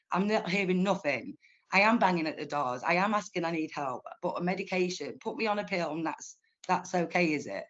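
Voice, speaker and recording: A woman's voice: fairly low pitch, a bit bright. A woman of forty sharing a heartfelt personal story on a video call, passionate and searching for her words. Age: 40s. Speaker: lived experience speaker. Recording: muffled video call audio.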